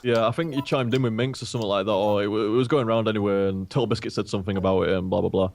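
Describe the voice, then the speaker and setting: A man's voice: fairly low pitch, steady tone, vocal fry, darkish tone. A man in his late twenties chatting and laughing easily with a fellow streamer on a live stream. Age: 20s. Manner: laughing, chatty, quick banter. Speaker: gaming streamer. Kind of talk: casual chat on a live stream.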